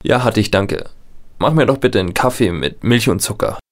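A man's voice: fairly low pitch, normal speed, no echo, clean studio sound, lightly acted. An actor playing a nostalgic, wary man in a futuristic smart home, narrating and talking in a musing, conversational radio drama style. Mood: casual, musing. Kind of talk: radio drama narration and dialogue in first person.

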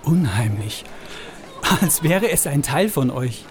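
An actor playing a glib, theatrical travelling minstrel who cajoles people in an audio drama. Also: male voice, mid-range voice, sing-song, slow, a little mellow, a little hiss or hum. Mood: cajoling. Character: brash, persuasive travelling minstrel and showman. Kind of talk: scripted audio drama acting.

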